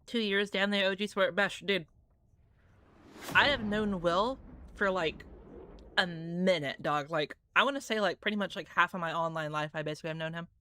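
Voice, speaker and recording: A young adult woman hosts viewer games on a live gaming stream, chatting loosely, swearing freely, and leaning hard on "like" as a filler. Her lowish voice is bright and forceful at a normal speed, with a little hiss or hum in the background.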